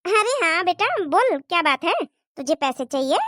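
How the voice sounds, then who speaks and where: A woman's voice: very high-pitched, animated, normal speed, fairly bright tone, no room sound, clean studio sound. A woman voicing a bossy, scornful mother-in-law in a cartoon moral story, nagging and taunting. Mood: doting.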